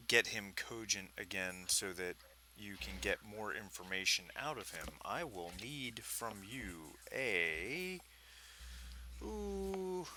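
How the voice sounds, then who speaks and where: A man running a tabletop game as game master, relaxed and unhurried, with many fillers. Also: fairly low pitch, a little hiss or hum.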